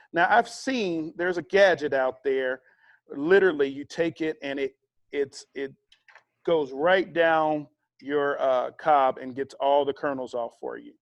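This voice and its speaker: Guy teaching a cooking class, slightly high voice, chatty and easygoing. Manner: chatty, relaxed, with fillers and asides. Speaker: cooking instructor. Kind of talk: casual cooking demonstration.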